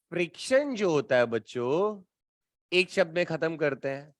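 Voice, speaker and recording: A man teaching physics to a class in a casual, teasing way, bantering with students and slowing down to stress key terms. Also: on the high side, no room sound, clean studio sound. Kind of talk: classroom lecture.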